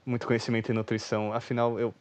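A man's voice: mid-range voice, monotone, racing, darkish tone. Guy cohosting a podcast, dry teasing jokes, reads out the news. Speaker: podcast co-host. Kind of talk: casual comedic news reading.

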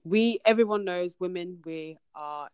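A woman's voice: lowish voice, unhurried, a little mellow, smooth, no room sound. A young woman hosting a casual podcast chat. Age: young adult. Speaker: podcast host.

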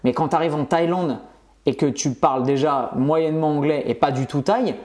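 A man chatting casually as a guest. He tells stories in a slangy, animated way, with a voice sitting a little above the usual male range. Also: fairly high pitch, moderate pace. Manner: animated, slangy storytelling with frequent "tu vois". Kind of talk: casual conversation.

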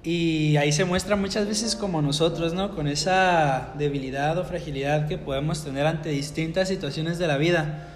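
A man on a faith podcast, adding a calm, measured reflection. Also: a little high, reverberant, big-room sound, slight background noise. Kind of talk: reflective religious talk.

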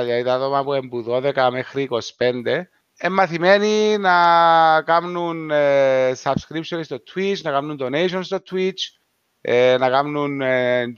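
Cypriot greek guy chatting casually, smooth voice a bit on the high side, dry sound. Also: no room sound, dull audio. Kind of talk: casual discussion.

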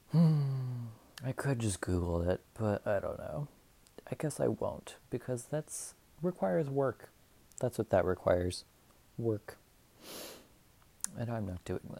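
A young man talking alone into the mic for his podcast, rambling from one thought to the next with plenty of swearing. His voice sits low and sounds dark and mellow, and his delivery is loose, unscripted and self-mocking. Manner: rambling, profane, self-deprecating. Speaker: podcast host. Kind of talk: casual solo monologue.

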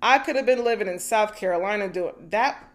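A woman in her thirties hosting a casual solo podcast, animated and profane, laughing often and turning to spiritual reflections. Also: mid-range voice, brisk. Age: 30s. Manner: spiritual, preachy asides. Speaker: podcast host.

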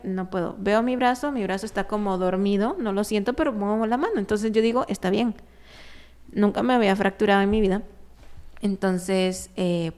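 Smooth-voiced woman telling a story. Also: medium pitch. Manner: animated, laughing as she tells it, with many fillers. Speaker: guest telling a personal story. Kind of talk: casual conversational storytelling.

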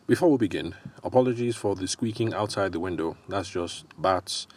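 A man with a Nigerian accent hosting a solo podcast in a casual, explanatory way, often pausing hesitantly as he thinks aloud. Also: deep voice, a little mellow. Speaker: podcast host.

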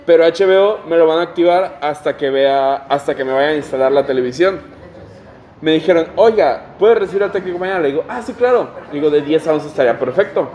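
A man's voice: a little high, a little mellow. A man with a Mexican Spanish accent, casually telling a long complaint story in a podcast chat. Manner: storytelling, complaining with swearing and laughs. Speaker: podcast host.

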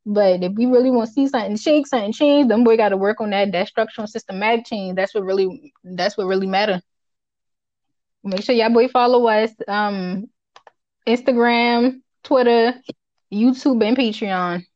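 A woman's voice: medium pitch, normal speed, a little mellow, highs cut off. A woman with a Charleston Gullah Geechee accent chats casually as a podcast co-host, emphatic, colloquial and unfiltered, often repeating herself for weight. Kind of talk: casual opinionated chat.

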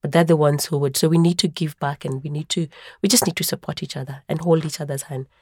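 A woman's voice: deep voice, steady tone, quick pace, mellow, breathy edge, no echo, studio quality. A young Kenyan woman in the film business, telling her story in an eager, exclaiming way. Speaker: film actor and producer. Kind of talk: casual interview.

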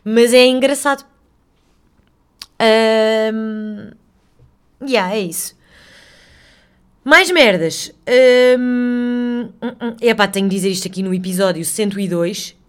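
A woman with a European Portuguese accent hosts a casual solo podcast, rambling, chatty, swearing freely and poking fun at herself. Her fairly high, clear and resonant voice takes things slowly, with frequent pauses.

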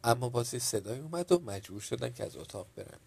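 A man narrating a children's storybook tale in a calm, measured reading. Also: medium pitch, gravelly, breathy edge.

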